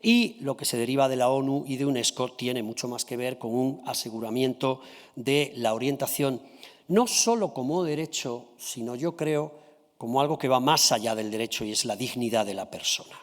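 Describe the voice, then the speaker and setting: A man giving a formal conference presentation of a study. He addresses the audience politely and checks in often with a quick "¿sí?" or "¿vale?". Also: medium pitch, big-room sound.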